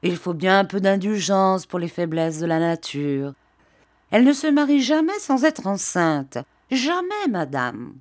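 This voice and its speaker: A woman's voice: mid-range voice, big pitch swings, unhurried, no room sound. A woman reading an audiobook, voicing a male village priest who delivers a moralizing little sermon. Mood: resigned moralizing. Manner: preachy, moralizing.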